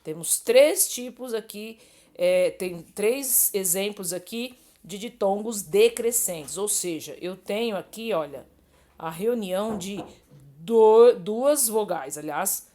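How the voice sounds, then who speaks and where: A woman's voice: medium pitch, animated, takes it slowly, mellow. A woman with a Brazilian Portuguese accent teaching grammar online, explaining patiently and peppering her talk with little check-in words. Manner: didactic, many fillers like "né" and "ó".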